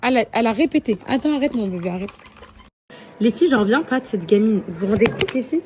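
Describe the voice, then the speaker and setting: A woman influencer in a casual phone story, chatting to her followers in a slangy, lively way, laughing often, outdoors in a residential complex. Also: on the high side, quick pace, background noise.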